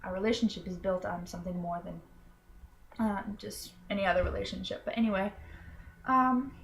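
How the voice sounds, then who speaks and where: With a mid-range, fairly even voice marked by vocal fry, a young woman speaks briskly over slight background noise. She's a Florida college student in a personal explanatory video, earnest and self-conscious, stumbling through ums and restarts as she explains something.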